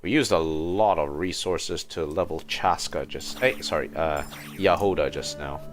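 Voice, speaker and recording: Over video game music, a man with a very deep voice gives casual livestream commentary at a slightly slow pace. The game streamer often mutters to himself as he plays.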